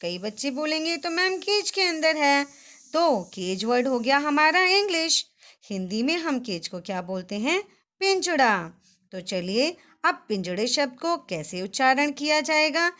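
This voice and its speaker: A woman's voice: high voice, fairly bright tone. A woman teacher leading a children's Hindi vocabulary lesson, spelling words out syllable by syllable and praising the class in a sing-song, teacherly way.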